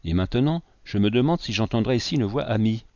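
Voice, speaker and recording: A man's voice: lowish voice, expressive, fast, a little mellow, no room sound, lo-fi sound. A man voicing a pale young man who stands accused, speaking his lines in a raised, solemn tone. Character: young pale man, wronged, proud and grieving.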